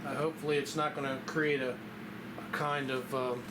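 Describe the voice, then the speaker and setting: A man giving a casual hands-on demonstration, thinking aloud in a halting way as he works with his hands. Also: medium pitch, level tone. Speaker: vlogger demonstrating a DIY fix. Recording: echoey room, clear background noise, stock mic.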